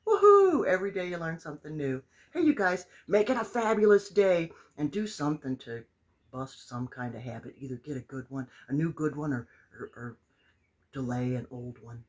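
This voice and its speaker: A woman's voice: deep voice, normal speed, darkish tone, slightly rough. An older woman chatting casually on a live stream as a motivational coach, exclaiming and greeting her viewers by name.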